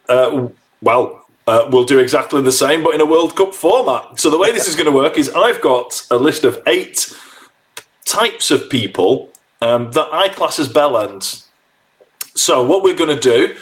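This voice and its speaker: A man hosting a casual podcast, bantering in a teasing, gloating, jokey way. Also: mid-range voice. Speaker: podcast host.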